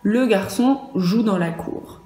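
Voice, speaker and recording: A woman teaching a first-grade dictation lesson in a virtual class, speaking slowly and clearly and spelling out letters and sounds. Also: mid-range voice, dark tone, roomy sound, low-quality recording.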